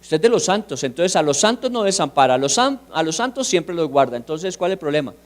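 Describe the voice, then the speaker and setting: Emphatic pastor, high-pitched man. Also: sing-song, fast. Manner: emphatic, rhetorical questions, swings from hushed to loud. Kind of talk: sermon.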